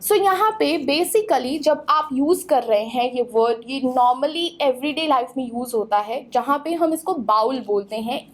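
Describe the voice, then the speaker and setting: A woman teaching English pronunciation in a clear, instructive lesson, spelling words out letter by letter. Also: high-pitched, animated, unhurried, hardly any pauses. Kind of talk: explanatory lesson.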